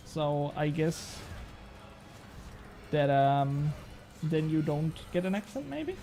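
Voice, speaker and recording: Speaking in a voice on the high side with a darkish tone, a young man from Switzerland, native in Swiss German, chats casually with viewers during a gaming live stream. He rambles, laughs a lot, swears casually and makes fun of himself.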